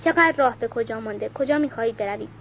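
A woman's voice: on the high side, muffled recording, slight background noise, natural voice. A woman reading the lines of a courteous young nobleman who lives in the trees.

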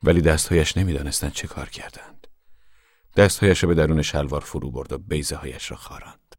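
A man giving measured, solemn scripted narration of a novel for a radio drama. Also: extremely low pitch, no room sound, studio quality.

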